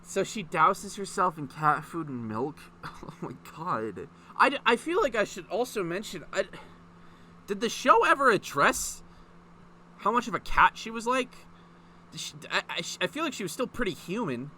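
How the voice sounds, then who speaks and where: A very animated male video host with a high, sharp voice reads fan fiction aloud at a moderate pace. He treats the story with informal mockery and cuts in with incredulous swearing, and a little hiss or hum sits under the audio.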